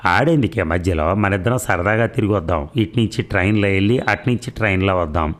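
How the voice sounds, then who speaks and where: A man's voice: sits low, fast, close to an everyday voice. A man voicing a greedy village brother who talks in a falsely cheerful way.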